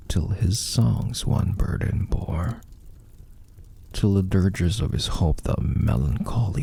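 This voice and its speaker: Man, dark breathy rasp, slow brooding delivery, theatrical gothic poetry reading, drawn-out words. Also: low voice. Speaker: poetry reader. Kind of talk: dramatic gothic poetry recitation.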